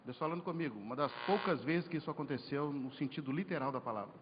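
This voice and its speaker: Man, lively sermon storytelling, slightly high voice, long hall reverb, dull lo-fi sound. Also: fast talker. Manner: storytelling, animated, jokes and rhetorical questions. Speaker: preacher at a men's congress. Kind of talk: sermon with personal testimony. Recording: lo-fi hall recording with faint noise.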